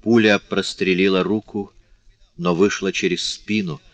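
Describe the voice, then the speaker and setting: A man's voice: sits low, little pitch movement, measured pace, no echo. A man reading the part of a dying young woman, weak and tender, speaking faintly in a dry, slightly dull audiobook recording. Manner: faint, fading speech.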